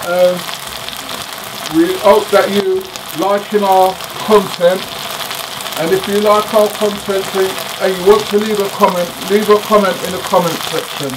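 A man hosting a home cooking video, talking slowly and haltingly through each step of a recipe in his kitchen. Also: high voice, background noise. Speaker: cooking channel host. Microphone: off-camera, hands-only framing. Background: sizzling wok, faint music.

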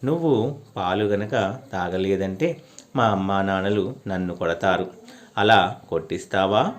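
A man voicing a little girl who coaxes and pleads with a deity in a devotional story. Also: fairly low pitch. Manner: pleading, coaxing.

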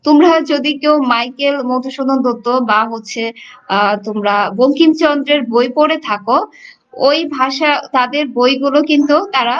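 A woman's voice: sits high, normal speed. A woman teacher from Bangladesh explaining a lesson to her students, addressing them directly with frequent fillers. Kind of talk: online class lecture. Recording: dull lo-fi audio.

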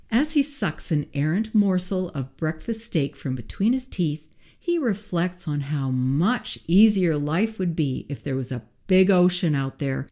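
Woman reading her book aloud, low warm voice, even and expressive. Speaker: narrator. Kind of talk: audiobook reading.

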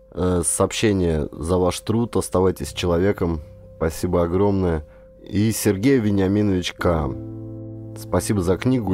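Low-pitched with a dark tone, a man performs as an audiobook narrator. The professional actor reads a scripted story with dramatic flair, then speaks directly to whoever is listening.

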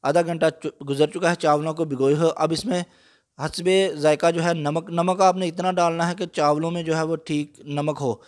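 A man calmly explaining a recipe step by step, patient, with frequent small fillers. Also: fairly high pitch, normal speed. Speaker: cooking channel host. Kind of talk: step-by-step cooking instruction.

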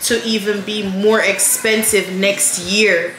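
A woman's voice: medium pitch, fairly even intonation, takes it slowly, a bit bright, reverberant, slight background noise, rough recording. A woman in her thirties co-hosting a family vlog, chatting to camera with many ums and restarts. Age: 30s. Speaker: vlog co-host, mother. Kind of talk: casual chat to camera. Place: indoor room in front of a lattice-patterned wall.

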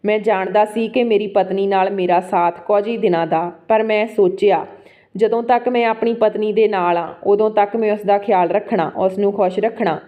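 Woman reading out a story, steady and even, kinda muffled lo-fi audio. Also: medium pitch, moderate pace. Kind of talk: read-aloud story narration. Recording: dull lo-fi recording.

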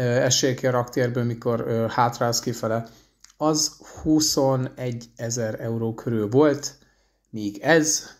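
A man rambling conversationally in a casual vlog, pausing often with hesitation fillers. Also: medium pitch, dry recording, clean studio sound. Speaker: delivery van driver vlogger.

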